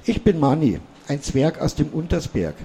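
A man's voice: on the high side, big pitch swings, moderate pace, dark tone, slight background noise, voice pushed up. A man voicing a small, cheeky old male dwarf who lectures humans about themselves.

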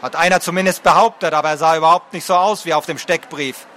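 A man's voice: fairly high pitch, steady tone, pushed and bright. Man doing an agitated young brother. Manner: blurting, hurried.

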